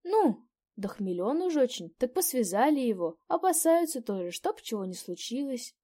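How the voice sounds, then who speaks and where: A woman's voice: a little high, very animated, mellow, voice pushed up. A woman reading a story aloud, voicing a fussy, gossiping old peasant innkeeper woman. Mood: grumbling. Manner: fussy, fawning, quick to exclaim. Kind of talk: audiobook character voice.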